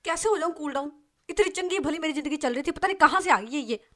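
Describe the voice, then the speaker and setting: Woman playing a fed up young woman ranting loud and high about a rude coworker. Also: expressive, fast talker. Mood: furious. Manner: loud, exasperated complaining.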